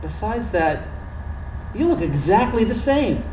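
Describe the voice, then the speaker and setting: A man performs in a live stage play as a courteous doctor approaching sixty, once a geek, who is earnest and conversational. His high voice is a little mellow and sing-song at a measured pace, carrying a nostalgic, teasing feel. The indoor theater recording sounds far off, echoey and noisy.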